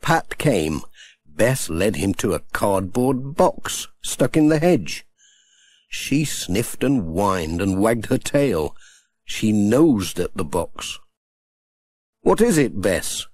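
Male storybook reader, slow and gentle, a little husky, with a lively, sing-song delivery. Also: fairly low pitch, no echo. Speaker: audiobook narrator. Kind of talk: children's storybook reading.

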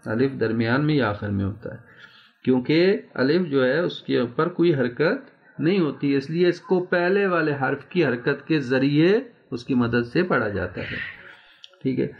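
A man's voice: mid-range voice, lively intonation, highs cut off. A man teaching Quran recitation in an online lesson, patiently drawing out sounds and checking in with his students. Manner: patient, repeats sounds slowly and checks in often.

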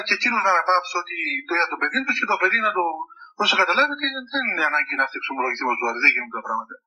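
A man with a Cypriot Greek accent, a monk preaching a sermon full of funny stories, with many halting restarts. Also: high voice, pushed and bright, husky, low-quality recording. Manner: storytelling, chuckling, halting restarts. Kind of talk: humorous sermon talk with anecdotes.

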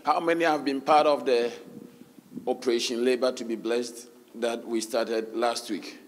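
A pastor with a hoarse voice, leading a loud, fervent prayer and then giving church announcements in a sermon. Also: male voice, medium pitch, fairly even intonation, unhurried, slight background noise.

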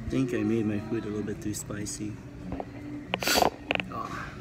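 A middle-aged man casually vlogging his meal in a large restaurant, talking into a handheld phone camera with many relaxed fillers. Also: fairly low pitch, moderate pace, heavy background noise. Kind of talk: casual vlog narration. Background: loud music.

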